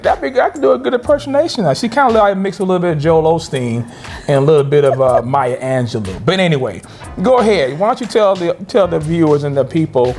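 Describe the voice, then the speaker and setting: A man co-hosting a couples' ministry channel, chatting in a lively, teasing way. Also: fairly high pitch, fast talker, soft background music. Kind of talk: casual chat.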